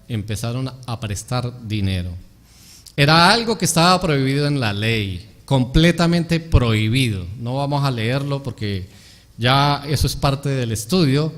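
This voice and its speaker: A man, a pastor, preaching a sermon and putting rhetorical questions to his congregation. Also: medium pitch. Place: church hall. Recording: long hall reverb.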